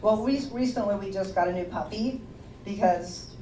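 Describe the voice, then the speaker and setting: A woman comedian telling stand-up stories on a small club stage in an animated way, laughing through her lines. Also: mid-range voice, moderate pace, noisy background. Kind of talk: stand-up storytelling. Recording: roomy club sound from a distance, audience laughter.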